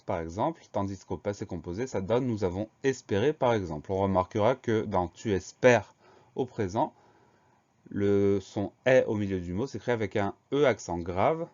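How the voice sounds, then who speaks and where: A man teaching a spelling lesson, spelling each word letter by letter in a slow, deliberate way. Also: fairly low pitch, a little mellow. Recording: dull lo-fi recording.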